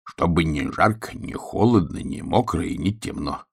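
Male narrator doing bossy storybook bear cub, low husky voice, blunt short lines. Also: moderate pace, exaggerated voice. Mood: explaining. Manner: blunt, brusque, mumbling. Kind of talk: audiobook character voice.

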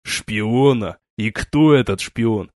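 A stern, weary starship captain, as a male reader plays him, speaking in low, slow, measured commands. The sound is dry and close to the mic. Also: darkish tone, no echo. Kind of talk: audiobook character reading.

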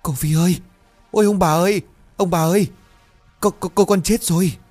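A man voicing a grief-stricken female house cook who wails her lament at a high pitch. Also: steady tone, normal speed, darkish tone, soft background music. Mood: wailing. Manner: wailing lament.

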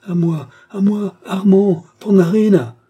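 Brief: male reader doing a desperate young woman, high cries, dark husky tone. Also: completely flat delivery, unhurried. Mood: screaming. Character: young woman terrified, pleading and screaming.

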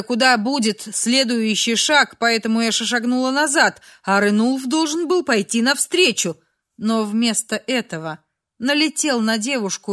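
A woman narrating a dramatic audiobook in a measured, expressive way. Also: on the high side.

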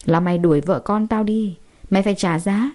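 A woman's voice: mid-range voice, a little fast, a little mellow, natural voice. A woman reading the part of a drunk, violent brother-in-law who snarls spiteful threats in a storybook drama. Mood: enraged.

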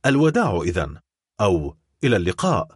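A man reading an audiobook, voicing a desperate young man in love, speaking gravely and with resolve. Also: low voice, wildly swooping pitch, quick pace, no room sound, clean studio sound, exaggerated voice. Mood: urgent.

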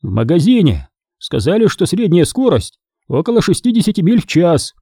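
A man voicing an eager, careless middle-aged father in an audiobook, talking excitedly and defensively. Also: high-pitched, normal speed, slightly rough, no echo, studio quality, pitched above the performer's own voice, full character voice.

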